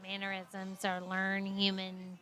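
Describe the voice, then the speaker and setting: A woman's voice: mid-range voice, slow. Easygoing middle-aged woman podcast co-host. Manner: relaxed, agreeable, laughs easily. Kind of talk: casual film review chat.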